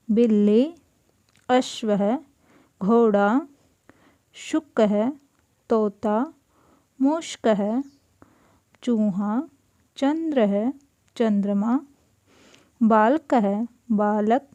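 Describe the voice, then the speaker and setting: In a classroom lesson, a woman teacher explains Sanskrit words in Hindi, speaking slowly and deliberately, repeating each word and then giving its meaning. Her voice sits on the high side and sounds mellow, and the recording is dry.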